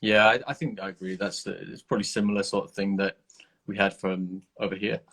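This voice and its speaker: A man's voice: lowish voice, little pitch movement, fairly quick, a bit bright. A man hosting a podcast, chatting in an easygoing way with lots of loose hedges. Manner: easygoing, hedging with fillers. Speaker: podcast host. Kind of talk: casual podcast chat.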